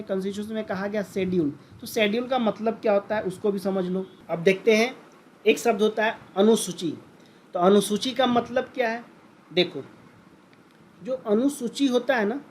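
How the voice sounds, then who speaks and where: A man's voice: high voice, a little hiss or hum. A man teaching a lesson in lecture style, who keeps asking the class questions and repeating the key terms. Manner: addresses listeners as friends.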